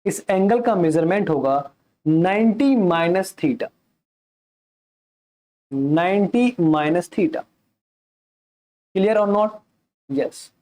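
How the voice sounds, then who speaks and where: A man's voice: sits high, expressive, extremely slow, pauses often, mellow. A male math teacher giving a classroom lecture who mixes English terms into his Hindi and keeps asking questions and then answering them himself.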